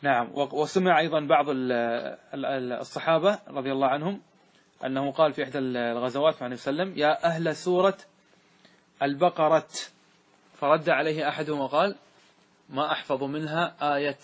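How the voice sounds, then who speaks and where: A man teaching a grammar lesson to a class. He recites verse slowly, asks questions and answers them himself. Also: fairly high pitch. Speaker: sheikh teaching Arabic grammar.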